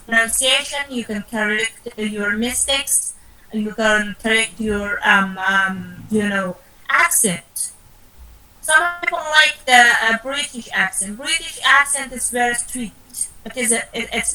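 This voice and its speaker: Woman mentoring students over a video call, bright voice, lots of uh and you know. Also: on the high side, low-quality recording. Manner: repetitive, encouraging, many fillers and restarts. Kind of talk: online mentoring session.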